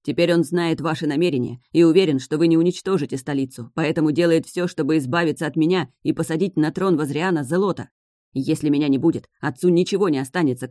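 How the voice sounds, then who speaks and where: Brief: reader doing a jumpy young prince, raised pitch, fast pleading lines. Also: male voice, a little mellow, no echo, studio quality, lightly acted. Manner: hurried, breathless protests. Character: young male prince, nervous and quick-talking.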